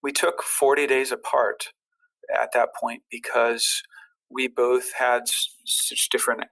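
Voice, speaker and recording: A man with some gravel and fry in his voice, speaking at a middling pitch. He tells personal stories casually, wandering through them with halting, repeated words. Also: level tone, bright, forceful tone, low-quality recording. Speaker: podcast guest.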